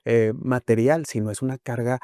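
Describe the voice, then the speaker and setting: A man's voice: mid-range voice, fairly even intonation, normal speed, dark tone, dry recording, studio quality. A man, a guest on a talk show, explaining his views with acted-out examples and rhetorical questions. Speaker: guest speaker on emotions and health.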